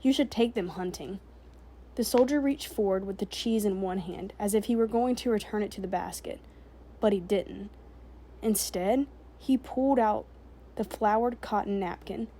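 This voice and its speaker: A woman narrating a novel chapter aloud in a steady, measured storytelling voice. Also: medium pitch, a little hiss or hum.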